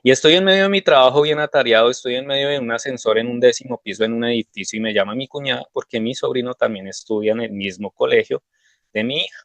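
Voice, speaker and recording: A man's voice: mid-range voice, fast talker, a bit bright, no room sound. A man giving a devotional sermon, telling personal stories in a conversational way. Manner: conversational, anecdotal storytelling.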